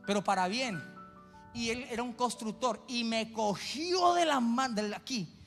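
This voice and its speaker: A man's voice: very high-pitched, a little slow. A male pastor preaching a sermon in a church, telling stories dramatically. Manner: dramatic storytelling. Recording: church hall reverb, soft music.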